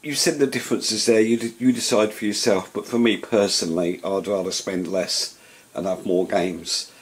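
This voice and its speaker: A man's voice: lowish voice, fairly even intonation, normal speed. A man giving informal demonstration commentary, with a slightly hesitant, stumbling delivery. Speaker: video presenter demonstrating an online game.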